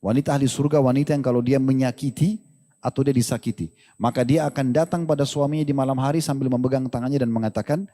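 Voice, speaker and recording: A man teaching religion in a lively question-and-answer sermon, joking and acting out little dialogues. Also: mid-range voice, fast talker, long reverb tail. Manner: animated, joking, acts out quoted dialogue.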